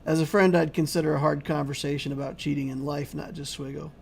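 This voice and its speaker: A man talks loosely through a game livestream, answering chat questions with plenty of restarts. His voice sits a little high and has a gravelly edge, strained as if he is losing it. A faint hiss of noise runs behind him. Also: little pitch movement, quick pace. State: losing his voice, clearing throat. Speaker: YouTube game channel host. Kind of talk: casual livestream commentary.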